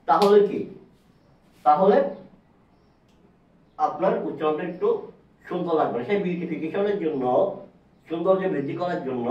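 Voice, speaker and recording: A man's voice: high voice, darkish tone. Man teaching, heard from far off. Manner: repeats words slowly, asks the class questions. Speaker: English teacher. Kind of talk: whiteboard lesson. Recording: distant, echoey, dull classroom sound.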